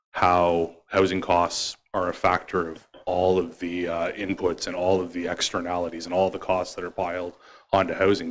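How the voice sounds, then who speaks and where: Deep flat-voiced male councillor. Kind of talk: reading a motion and speaking to it.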